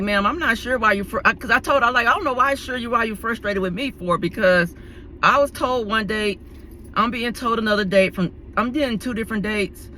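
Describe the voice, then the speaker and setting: Woman vlogger, bright forceful tone, chatty storyteller, full of fillers and restarts. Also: mid-range voice, slight background noise. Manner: chatty, animated, acts out the people in her story; frequent fillers and restarts, laughs between lines. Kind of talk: casual storytelling to camera.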